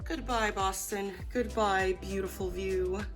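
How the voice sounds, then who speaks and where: A tired woman with a hoarse, worn voice, chatting casually and informally to her vlog viewers. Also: medium pitch, fairly even intonation, slow, over music. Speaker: vlogger.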